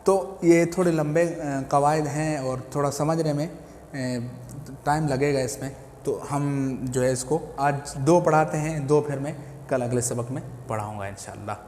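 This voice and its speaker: A man's voice: a little high, a little slow, darkish tone, a little hiss or hum. A man with an Urdu accent teaching a Quran recitation lesson, patiently explaining step by step and repeating key terms. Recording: echoey room.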